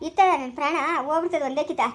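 Woman playing a distraught village wife, high-pitched. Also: rapid-fire, lightly acted. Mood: fretful. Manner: lamenting, wailing complaints. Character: distraught young village wife, husband remarried. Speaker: village wife in a family skit. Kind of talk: rural family skit acting.

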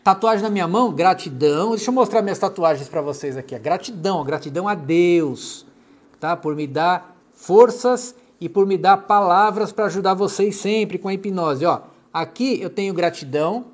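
A middle-aged Brazilian man with a fairly high voice hosts a live stream as a clinical hypnotherapist, chatting casually through viewer comments. He speaks in a Brazilian Portuguese accent, chatty and affectionate, often dropping his voice softly to talk to someone off camera. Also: normal speed.

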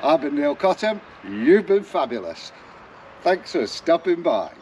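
This bike restoration vlogger, a Derbyshire man in his forties with a broad East Midlands accent, chats to camera in a casual, jokey, slang-heavy way. His voice is fairly high and a little mellow, unhurried, with big pitch swings and slight background noise. Most scenes are outdoors in a garden, with some in a wooden shed workshop.

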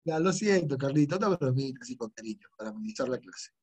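A man's voice: medium pitch, sing-song, fast, darkish tone. A middle-aged man, teaching an online history class and teasing and scolding his students with jokes.

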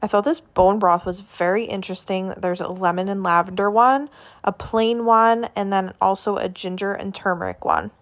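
Chatty and listing prices, a woman vlogs her grocery trip on her phone in a medium-pitched voice with fairly even intonation and a moderate pace.

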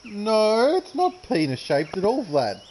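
Joking man, slightly high voice. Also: wildly swooping pitch, a little slow, darkish tone, slight background noise, poor audio. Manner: joking, laughs often, talks with his mouth full. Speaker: golf game streamer. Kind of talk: casual gaming chat.

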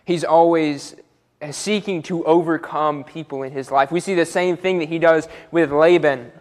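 A man's voice: fairly high pitch, steady tone, normal speed. A young man preaching a sermon from a church pulpit, earnest and repeating words as he builds each point. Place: church auditorium, speaking from a pulpit. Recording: church hall with long reverb.

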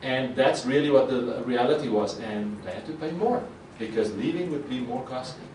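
An Afrikaans-speaking man presents a conference talk at normal speed in a medium-pitched voice. He speaks into a podium mic a bit far from him in an echoey hall with a projector screen, and a little hiss or hum is audible. Animated, he gestures a lot and acts out reactions he quotes.

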